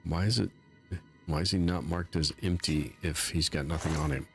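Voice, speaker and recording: A man chats his way through a live game stream in a deep voice with a gravelly, fried edge. He rambles and pokes fun at himself as he talks to his viewers, with faint music playing underneath. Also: moderate pace. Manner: rambling, self-mocking, talks to chat. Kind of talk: casual live-stream commentary.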